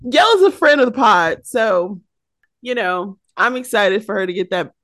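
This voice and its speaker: A woman's voice: mid-range voice, lively intonation, moderate pace, fairly bright tone. An American woman co-hosting a chat podcast. She talks in a loose, chatty way, with plenty of "um"s and "you know"s between her thoughts. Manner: chatty, uses many fillers. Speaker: podcast co-host. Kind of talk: casual chat.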